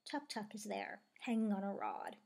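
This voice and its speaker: A woman reading a children's book aloud with lively storytelling. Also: mid-range voice, normal speed, creaky. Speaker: reader.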